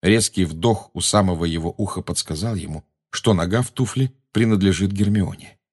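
A man reading a fantasy novel aloud in steady, measured dramatic audiobook narration. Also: deep voice, breathy edge.

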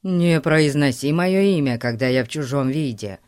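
A woman's voice: low voice, animated, normal speed, a little mellow, no echo. A woman voicing a clever, confident boy in a storybook who explains his plans with self-assurance.

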